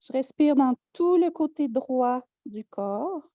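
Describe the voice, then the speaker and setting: A woman with a Quebec French accent, teaching a yoga class with calm step-by-step cues and light joking asides. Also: high voice, slow, dry recording, muffled recording. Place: yoga studio.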